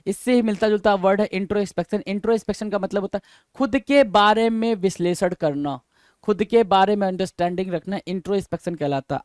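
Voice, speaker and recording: Recorded dry and close with no room sound, a high-voiced man with a darkish tone runs an exam-prep English vocabulary lesson. He reads definitions slowly, explains them, and drills students by firing repeated questions back and spelling every word letter by letter.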